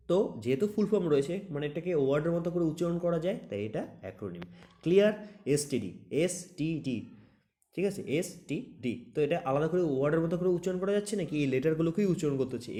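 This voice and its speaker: A man teaching a vocabulary lesson for exam preparation at a quick clip. His voice is mellow and dark, and he checks after each point whether his students follow. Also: a little high. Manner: explains with many examples.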